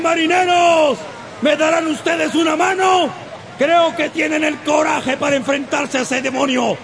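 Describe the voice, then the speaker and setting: Mad one-legged captain yelling at his crew, raw shouting, noisy radio play. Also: extremely high pitch, full character voice. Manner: roaring, commanding, furious. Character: vengeful one-legged sea captain, fierce and obsessed. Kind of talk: radio drama acting. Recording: radio drama with crowd and sound effects.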